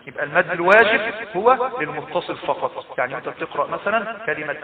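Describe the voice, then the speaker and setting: A man's voice: on the high side, lively intonation, quick pace. A man with an Egyptian accent teaching Quran recitation rules, patiently explaining and repeating terms, chanting verses as examples. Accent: Egyptian Arabic. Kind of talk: tajweed lesson. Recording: echoey, distant, dull lo-fi.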